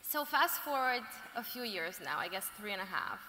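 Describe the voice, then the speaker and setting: A woman's voice: medium pitch, very animated, normal speed, a little hiss or hum. A woman interviewing a guest on stage, asking questions in an encouraging manner. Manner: warm encouraging questions, laughs along. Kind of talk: onstage interview. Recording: echoey hall with long reverb.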